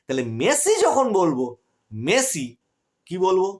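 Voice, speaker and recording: A man with a Bengali accent gives an online grammar class. His voice sits high for a man and swings widely up and down. He keeps asking questions and answering them himself, with a brisk teacher's drive. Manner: lively, rises and drops sharply in pitch, asks questions then answers them.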